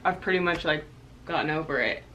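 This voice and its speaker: A young woman co-hosting a casual question-and-answer chat with her husband, talking fast and loose with lots of "like" and frequent laughter. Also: deep voice, a bit bright, a little hiss or hum, poor audio. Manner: chatty, laughs often, lots of "like". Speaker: co-host of a couple's channel.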